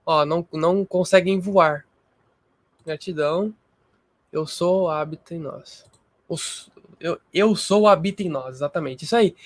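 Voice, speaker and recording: A man's voice: a little high, a little slow, long pauses, no room sound, clean studio sound. A man hosting a spiritual livestream, teaching casually and emphatically and repeating himself.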